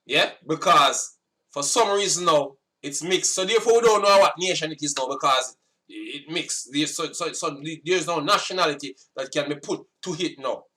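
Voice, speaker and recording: Bright-toned Jamaican man lecturing. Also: on the high side, normal speed, distant mic. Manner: forceful, scolding, repetitive. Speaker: religious commentator. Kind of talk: casual sitdown commentary.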